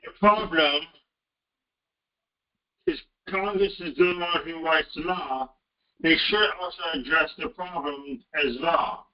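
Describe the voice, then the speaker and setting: A man calling in to a talk show over a phone line that keeps breaking up, speaking haltingly and restarting his words. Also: fairly high pitch. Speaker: caller. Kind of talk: call-in radio talk. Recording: muffled, distant phone-in line.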